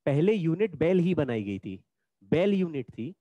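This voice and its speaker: A man's voice: a little high, sing-song, measured pace, dry recording, highs cut off. A man teaching a physics lesson in an online class, explaining patiently and repeating the key points.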